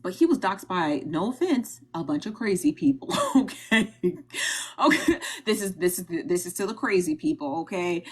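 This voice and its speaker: This is a Midwestern American woman doing casual commentary on a live stream, repetitive and emphatic as she speaks directly to her audience. She has an expressive mid-range voice, a breathy edge and a moderate pace.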